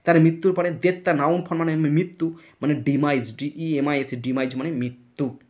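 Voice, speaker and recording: A man's voice: fairly high pitch, steady tone, moderate pace, darkish tone. Man teaching grammar, spelling words aloud. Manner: explains step by step, spells words letter by letter; checks understanding with repeated questions. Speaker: English teacher. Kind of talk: classroom grammar lesson.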